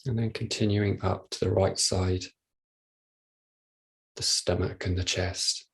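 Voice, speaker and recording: Soft instruction from a male meditation teacher fills this unhurried body scan. His voice is low and husky, his delivery flat and gentle, with long pauses throughout.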